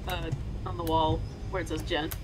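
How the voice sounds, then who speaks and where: A slightly tipsy woman co-hosting a gameplay video, emotional and quick to swear. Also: low voice, little pitch movement. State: a bit tipsy. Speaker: co-host. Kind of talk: casual gameplay commentary. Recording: game music playing under the voice.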